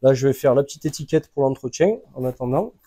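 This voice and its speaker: A man casually talking the viewer through a van oil change, relaxed and informal, with frequent filler sounds. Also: mid-range voice, fast talker, a little hiss or hum. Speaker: mechanic hosting a tutorial channel. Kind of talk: casual how-to instruction.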